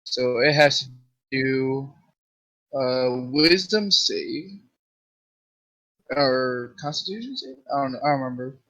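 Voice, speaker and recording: Bright-voiced man describing his turn. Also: mid-range voice, lively intonation, slow pace, pauses often, low-quality recording. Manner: describes his spell flavor with gusto. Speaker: player. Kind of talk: casual tabletop game talk.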